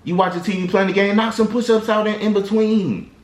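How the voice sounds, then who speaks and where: Speaking to camera in an echoey room, this male vlogger offers loose, rambling motivational talk full of slang and frequent restarts. His voice is high, his pace slightly quick, and his intonation stays fairly even.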